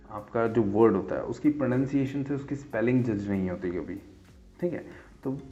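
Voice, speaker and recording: A man's voice: medium pitch, warm tone. Man teaching, forever checking in. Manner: repeats "theek hai" as a check-in after nearly every point; spells and repeats example words slowly. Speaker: English teacher. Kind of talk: casual explanatory lesson. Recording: dull lo-fi sound.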